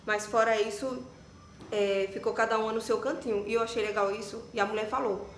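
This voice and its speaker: A young woman from Brazil talks in a lively, chatty way, dropping casual fillers as she tells her story. Her voice sits a bit high. The sound carries a clear echo from the room, with faint ambient noise behind her. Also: brisk. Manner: chatty and animated, many fillers like "tipo" and "né". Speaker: vlogger.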